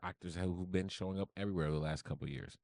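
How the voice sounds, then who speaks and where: A man hosting a casual podcast, steering topics and chiming in with quick agreement. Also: deep voice, vocal fry, a little mellow, no room sound. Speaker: podcast host running the segments.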